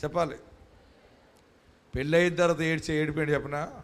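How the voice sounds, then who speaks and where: A male pastor preaching a sermon at a live church service, building to shouted climaxes. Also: on the high side, steady tone, brisk.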